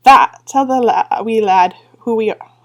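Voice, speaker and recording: A boisterous little blue fairy man with a put-on burr rallies his crew in a raised, brash voice, as a woman reading a book aloud puts him on. He talks with a rough, proud swagger. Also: a little high, unhurried, fairly bright tone. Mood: rowdy. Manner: boisterous, rallying. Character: tiny rowdy male blue fairy warrior leader.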